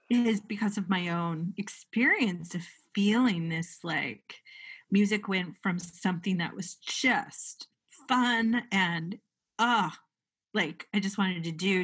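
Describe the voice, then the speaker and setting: A woman speaking slowly and earnestly as an interviewer. She lingers over her words and trails through lists as she shapes her questions, with an unhurried, reflective feel. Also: mid-range voice, a bit bright. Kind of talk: reflective casual conversation.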